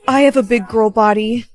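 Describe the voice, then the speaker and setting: A high, bright text-to-speech woman's voice reads a storytime tale. She takes every part in turn with a quick, flat, synthetic delivery.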